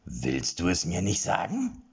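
A man voicing a small, misshapen creature that speaks slowly and politely in an audiobook, on slightly muffled audio. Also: huge pitch swings, breathy edge, heavily acted. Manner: slow, polite, deep.

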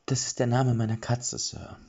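A man voicing a wounded female colonel whose husky, choked voice tries to stay clear, on a slightly dull recording. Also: mid-range voice, flat delivery, moderate pace, a little mellow, pitched above the performer's own voice. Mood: strained. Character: wounded female soldier colonel, strained but dutiful.

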